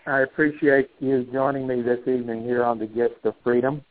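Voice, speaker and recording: A man hosting a radio talk show, closing in a measured way with fillers. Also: medium pitch, steady tone, no room sound, phone-quality sound. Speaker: radio host.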